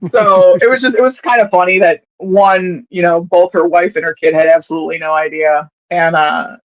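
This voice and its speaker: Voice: medium pitch, steady tone, normal speed. A podcast co-host telling a story in casual sports chat, rambling with fillers and restarts. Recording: dull, slightly lo-fi audio.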